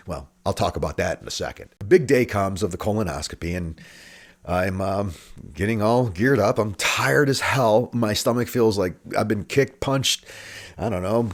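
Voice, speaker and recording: A man telling a comic personal story in a halting, hesitant way, often repeating words. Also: on the low side. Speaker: storyteller, former police officer. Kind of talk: comedic personal storytelling monologue.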